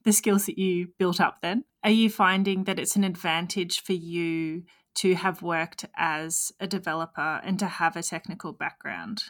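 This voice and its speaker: A woman interviewer asking career questions in a friendly, encouraging way. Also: lowish voice.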